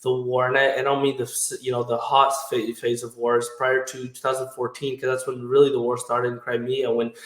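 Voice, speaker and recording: A man's voice: mid-range voice, completely flat delivery, fairly quick, hardly any pauses, fairly bright tone. Ukraine-born guy guesting on a podcast, earnest, restarts a lot, roomy echo. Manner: earnest, talks in loose restarts. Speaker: podcast guest, trucking company owner. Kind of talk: casual interview talk.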